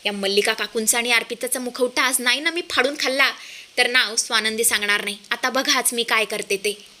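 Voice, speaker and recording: A woman's voice: fairly high pitch, steady tone, brisk, pushed and bright. A woman voicing a fearless young daughter-in-law who confronts others defiantly. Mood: suspicious musing.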